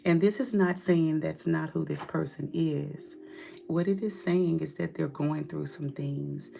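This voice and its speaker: A woman's voice: low voice, a little slow, vocal fry, mellow, slight background noise. A woman giving a tarot reading straight to her client, direct and emphatic, with casual swearing. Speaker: tarot reader.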